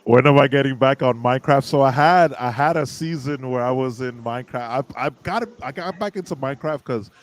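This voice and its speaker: A man's voice: medium pitch, brisk, hardly any pauses, rough recording. A man in his thirties, a guest musician, chatting casually in an interview and laughing often.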